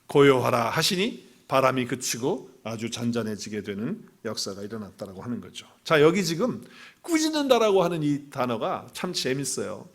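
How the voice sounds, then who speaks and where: A male pastor giving an animated Sunday sermon, asking his listeners questions and acting out the voices he quotes. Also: medium pitch. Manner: animated preaching, acts out quoted voices, asks the congregation questions.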